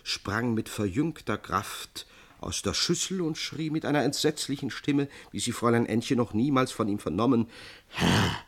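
A man narrating a literary fairy tale in a scripted, expressive reading. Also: mid-range voice, moderate pace.

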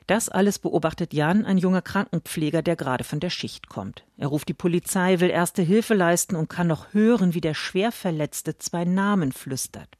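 A woman critic reading a scripted radio book review in a measured way. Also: fairly low pitch, darkish tone, no echo, clean studio sound.

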